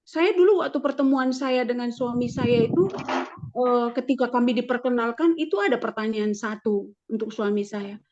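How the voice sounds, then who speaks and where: A woman in her fifties, a religion teacher, telling her personal testimony at church in an animated storytelling manner. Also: a little high. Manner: animated storytelling, acting out her own prayers and arguments. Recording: dull lo-fi recording.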